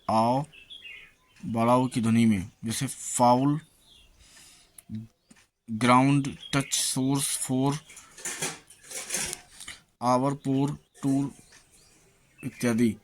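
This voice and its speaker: A man teaching English pronunciation, slowly reading out example words one by one, then encouraging his viewers to keep practising. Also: medium pitch. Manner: slow, listing words one by one.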